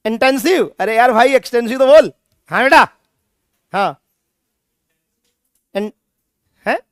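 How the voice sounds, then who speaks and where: A man's voice: very high voice, expressive, slow pace, no room sound, clean studio sound. A male chemistry teacher lecturing a classroom, scolding students and repeating his points with emphasis.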